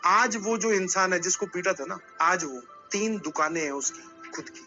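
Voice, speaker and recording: A man's voice: high-pitched, normal speed, pushed and bright, muffled recording, faint music behind. A male coaching teacher giving a motivational lecture to students. He tells stories and talks to them directly, scolding them at times.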